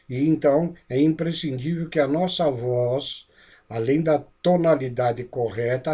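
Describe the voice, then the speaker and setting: A man lecturing on public speaking in a teaching manner. His pace shifts between quick runs and slower, deliberate stretches, and he often pauses to check in with his listeners. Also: medium pitch, dark tone, breathy edge. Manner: didactic, checks in with frequent "né?" and "ok?". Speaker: instructor of a speaker training course. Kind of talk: lecture-style lesson.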